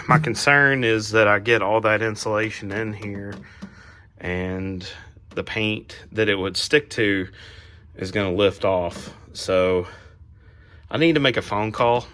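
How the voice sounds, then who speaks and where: Still a bit raspy from a cold, the man running this garage channel chats loosely through a car how-to, leaning on plenty of fillers as he rambles. His voice sits on the low side with a fairly bright tone.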